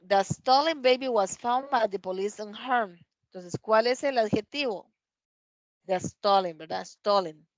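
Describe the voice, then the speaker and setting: Woman, English teacher, dry sound, slow careful examples. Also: mid-range voice, no echo. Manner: reads English examples aloud slowly, checks with "¿verdad?". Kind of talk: classroom grammar explanation. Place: classroom.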